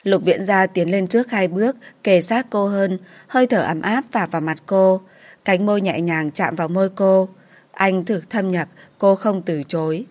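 A woman narrating a romance novel audiobook in an even, measured way. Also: mid-range voice.

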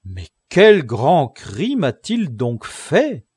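A man's voice: fairly high pitch, huge pitch swings, very slow, a little mellow, breathy edge, no room sound, pitched above the performer's own voice, exaggerated voice. A man voicing a grave, courtly old knight who asks eager questions. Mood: earnest.

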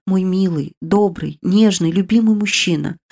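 A woman narrating a first-person fantasy novel in a measured, expressive reading. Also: on the low side, vocal fry. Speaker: audiobook narrator.

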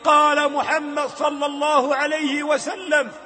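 A man telling a story in a fervent sermon, moving between hushed and loud delivery, recorded with long reverb. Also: very high-pitched, little pitch movement, unhurried. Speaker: preacher.

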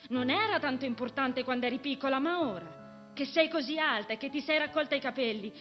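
A woman's voice: sits high, brisk, a bit bright, faint music behind. A woman voicing a proper eldest sister, a young woman who talks in a prim, lecturing way. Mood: scolding.

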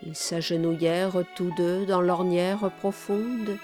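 Woman reading slowly and measuredly. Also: on the low side, steady tone, music in the background. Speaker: audiobook reader. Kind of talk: scripted narration.

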